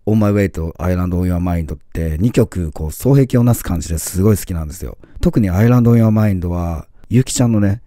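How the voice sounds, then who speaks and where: A man's voice: deep voice, moderate pace, few pauses, dark tone, no room sound, studio quality. A man in his forties chatting casually in a vlog, talking with enthusiasm and plenty of filler words. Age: 40s. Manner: enthusiastic fan talk with many fillers. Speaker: vlogger. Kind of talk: casual chat.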